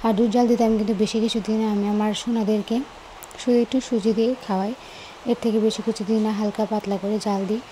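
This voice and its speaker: A young woman, narrating a home vlog in a hushed voice-over, recorded on a phone in a quiet room at night. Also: medium pitch, slight background noise. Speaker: lifestyle vlogger.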